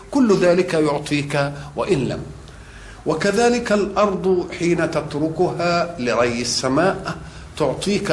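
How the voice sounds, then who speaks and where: Man preaching in an echoey room. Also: on the high side. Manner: measured, explanatory, rising emphasis on key points. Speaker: religious scholar. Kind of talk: sermon. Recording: echoey room with faint noise.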